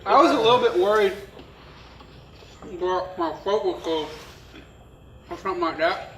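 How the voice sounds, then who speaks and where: A man's voice: high voice, moderate pace, fairly bright tone. A man hosting a casual chat with his mouth burning from spicy food, apt to cough and chuckle. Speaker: host. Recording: echoey room, distant mic, faint noise.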